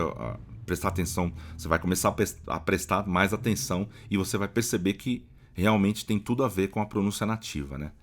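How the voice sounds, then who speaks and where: A man teaching English phonetics in Portuguese, explaining patiently and repeating example words slowly, often checking in with the listener. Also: lowish voice.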